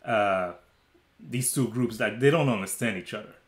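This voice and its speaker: A man's voice: on the low side, normal speed. Man, casual film review chat, hesitant with fillers, roomy echo. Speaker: movie review podcast co-host.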